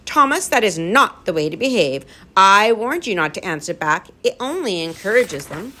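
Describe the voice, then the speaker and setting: Woman voicing a stern, steady male professor. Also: on the low side. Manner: firm, admonishing, measured. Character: calm but stern male professor guarding children.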